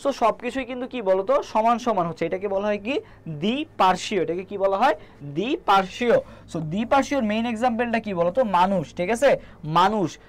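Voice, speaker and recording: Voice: medium pitch, expressive, a little fast. A biology tutor with a Bangladeshi Bengali accent runs a live online lesson. The tutor fires off short questions and answers them right away, drilling terms over and over. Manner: quizzing, asks and answers own questions; reads viewer names from comments. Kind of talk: live online class teaching.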